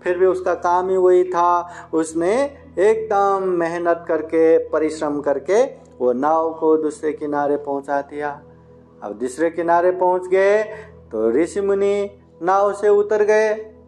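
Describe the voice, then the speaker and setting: A man, a Buddhist monk, tells a moral story in an unhurried way, repeating phrases and dropping in little "haan" interjections. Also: high voice. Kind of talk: storytelling dharma talk. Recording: faint instrumental music behind. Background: soft instrumental music.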